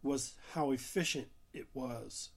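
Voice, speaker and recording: A man interviewing a guest for a film festival, talking at a notably slow pace. He halts often and leans on fillers while gathering his thoughts, his pitch sitting in an everyday middle range. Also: vocal fry, a crowd in the background. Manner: slow, halting, many fillers. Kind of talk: casual interview chat.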